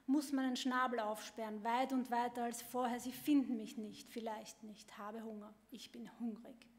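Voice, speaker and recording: A woman's voice: fairly high pitch, flat delivery, moderate pace, lightly acted. A woman reading as a whiny hungry baby bird. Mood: demanding, whiny. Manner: whiny, repeated complaining. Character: hungry, demanding, sulky female baby bird. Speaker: author reading her own text. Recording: long hall reverb.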